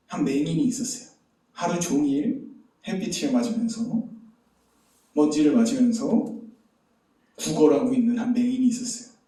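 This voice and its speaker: Male pastor, storytelling sermon, fairly high mellow voice, rhetorical questions, booming church reverb. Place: church sanctuary. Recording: very echoey hall, distant mic.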